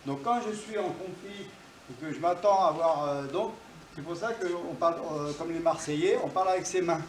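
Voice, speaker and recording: A man's voice: a little high, moderate pace, a little hiss or hum. A man teaching self-defense to a class, explaining each move while he demonstrates it and punctuating strikes with sound words. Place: dojo, indoors. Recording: roomy hall, distant mic.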